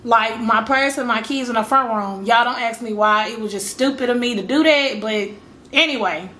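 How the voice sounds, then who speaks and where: Bright-voiced chatty woman telling a story. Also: on the high side, normal speed, slight background noise. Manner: chatty, rambling, addresses viewers as y'all, acts out her own reactions. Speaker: storytime vlogger. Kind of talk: casual storytelling to camera.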